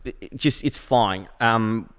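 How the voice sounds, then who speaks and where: A low-voiced Australian man leads a casual podcast chat, upbeat and moving things along. His voice sits in a room with a long reverb. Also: takes it slowly, a bit bright, smooth. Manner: upbeat, steering the talk. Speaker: podcast host.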